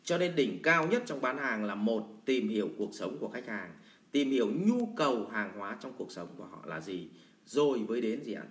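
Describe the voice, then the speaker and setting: A man's voice: medium pitch, a bit bright. A man teaching sales in a blunt, colloquial lecture full of everyday examples. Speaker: sales trainer. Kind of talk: lecture answering a viewer question. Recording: roomy echo.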